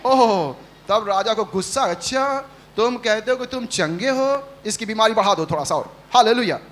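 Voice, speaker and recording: A man's voice: sits high, lively intonation, normal speed, a bit bright. A male pastor preaching a Sunday sermon, leading the congregation in call-and-response and acting out the quotes he tells. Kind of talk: Hindi sermon. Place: church service.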